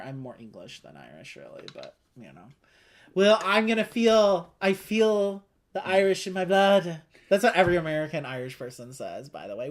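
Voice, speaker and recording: A board game playthrough co-host talks casually and at length in a medium-pitched, middle-register voice. They readily explain things and think through options in an easy, conversational way, like chatting with a friend across a table.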